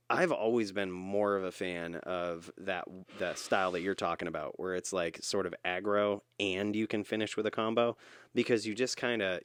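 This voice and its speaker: Easygoing lower-voiced man chatting. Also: clear, resonant tone. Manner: easygoing, lots of fillers like "you know". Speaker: podcast co-host. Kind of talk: casual podcast chat.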